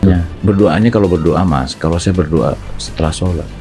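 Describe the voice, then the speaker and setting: Deep gravelly man, distant, with music. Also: fairly quick, dark tone. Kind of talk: casual speech clip.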